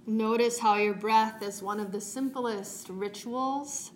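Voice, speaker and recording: Calm, slow-paced woman guiding meditation. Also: a little high. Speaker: yoga and meditation teacher. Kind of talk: guided meditation. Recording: roomy echo, faint background noise.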